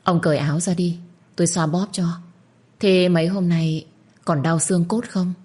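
A woman voicing a scheming, sharp-tongued older concubine wife in a spoken story. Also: fairly low pitch, fairly even intonation, normal speed, natural voice. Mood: coaxing. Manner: scolding, sly.

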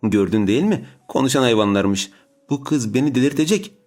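A man's voice: medium pitch, animated, brisk, a little mellow, faint music behind, voice pushed up, natural voice. A man voicing a spiteful, scornful middle-aged woman who sneers and spits insults in an audiobook. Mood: complaining.

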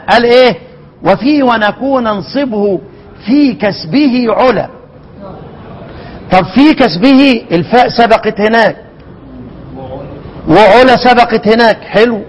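A man with an Egyptian accent teaching the readings of a recitation poem, repeating words slowly and quizzing his listeners. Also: high-pitched, rough recording. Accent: Egyptian Arabic. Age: older. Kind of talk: explaining a recitation poem line by line.

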